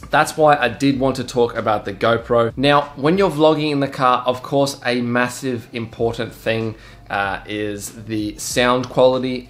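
A young man vlogging at home, casually explaining his camera gear to the viewer with plenty of ums and uhs, recorded on a handheld camera's top-mounted mic. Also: mid-range voice. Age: young adult. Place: small home room and garage, indoors. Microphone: handheld camera with top-mounted shotgun mic.

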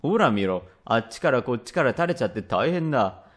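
A man voicing a rough, quick-tempered father from old Edo, speaking blunt old Edo Tokyo speech in a rakugo tale. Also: mid-range voice, sing-song. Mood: irritated. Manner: gruff, blunt, grumbling. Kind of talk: rakugo storytelling.

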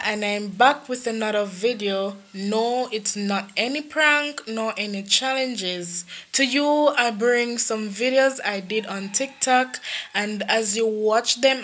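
Unhurried Jamaican woman host. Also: on the high side, sharp tone. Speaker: video host. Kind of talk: casual video intro.

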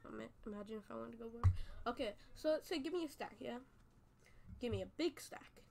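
Chatty, high-voiced woman explaining a game. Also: expressive, brisk, gravelly, darkish tone, a little hiss or hum. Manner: rambling, chatty, self-correcting. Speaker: gaming YouTuber. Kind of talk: casual game tutorial commentary.

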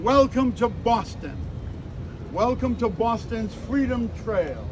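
A man in his sixties projecting like a town crier as a theatrical historical tour guide, in short emphatic phrases with dramatic pauses. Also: extremely high pitch, animated. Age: 60s. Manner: declamatory town crier delivery, projecting to a group. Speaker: costumed Freedom Trail tour guide. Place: outdoors in parks and streets among a tour group. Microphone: handheld phone a few steps away. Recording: phone recording with outdoor city noise.

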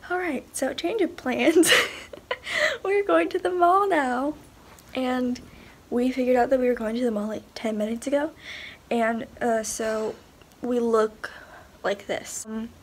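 A woman's voice: high-pitched, measured pace, pauses often, slight background noise. A teenage girl vlogging casually on a handheld camera, bubbly, giggly and a little dramatic. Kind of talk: casual vlog chat. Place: home and mall.

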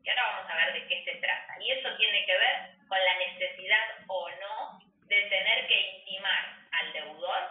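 Woman law lecturer, lively rising pitch, distant tinny classroom sound. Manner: explanatory, checks with frequent "¿sí?". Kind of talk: university lecture. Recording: echoey, phone-like, from far off.

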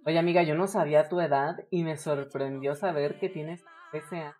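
A woman's voice: sits low, steady tone, normal speed, darkish tone, soft background music. A woman in her twenties with a Mexican accent, chatting and joking around casually while playing a game on stream. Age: 20s. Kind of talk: casual chat while gaming.

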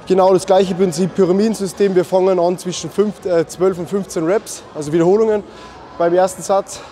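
A man's voice: sits high, steady tone, fairly quick, mellow. A man explaining his leg workout in a casual, instructive way, dropping English gym slang. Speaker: fitness vlogger.

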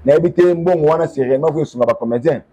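A man in an animated, casual conversation, often talking over the other speaker. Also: on the high side, very fast, breathy edge. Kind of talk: casual conversation mixing languages.

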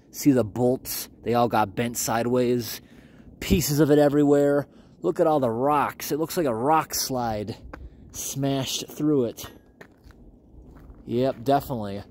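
A man's voice: medium pitch, takes it slowly, darkish tone, a little hiss or hum. A man exploring abandoned railroad tunnels on foot, chatting casually to viewers as he walks. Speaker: urban explorer vlogger. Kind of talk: walking commentary.

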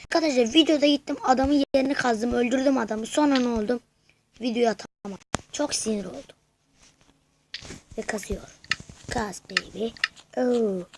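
Excitable, cursing woman gaming commentator, high voice. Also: normal speed, pauses often, noisy background. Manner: excitable, swears and shouts at the game, drops to whispers. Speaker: gaming YouTuber. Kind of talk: live gameplay commentary.

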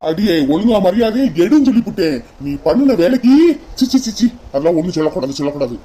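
Cartoon husband voiced by an actor: fast, dark-toned, snappish, Kanyakumari Tamil. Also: medium pitch, big pitch swings. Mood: snapping. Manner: snappish, scolding. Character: grumpy young husband in a hurry. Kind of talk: cartoon voice acting.

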